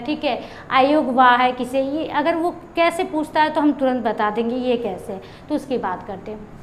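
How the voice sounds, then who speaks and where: A woman's voice: sits high, a bit bright, a little hiss or hum. A woman teacher explaining grammar for exam preparation, repeating key terms and asking and answering her own questions. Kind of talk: grammar lesson for exam prep.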